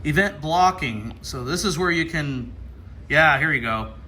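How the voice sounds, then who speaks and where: This time the Ohio radio hobbyist's voice sits on the high side, bright and forceful, with lively intonation at a measured pace. The American man thinks aloud in casual unboxing commentary, muttering his way through menu items while background noise is clearly heard.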